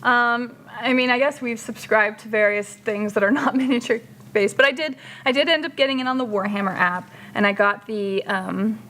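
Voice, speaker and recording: A woman's voice: on the high side, moderate pace, fairly bright tone, a little hiss or hum. Chatty woman hosting a hobby stream. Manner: chatty, reads out and answers viewer comments. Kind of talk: casual livestream chat while painting.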